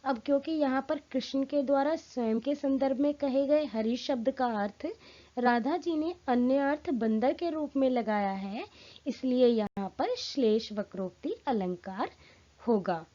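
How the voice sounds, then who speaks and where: A woman teaching a Hindi grammar lesson in a clear, explanatory way, stressing her example lines. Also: sits high, unhurried, warm tone, muffled recording.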